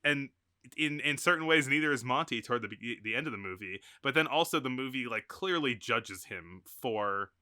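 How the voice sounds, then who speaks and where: A man co-hosts a podcast, chatting casually about a film in a mid-range, expressive voice with a sharp edge. He talks at a moderate pace in rambling sentences, restarting often, filling gaps and laughing a lot.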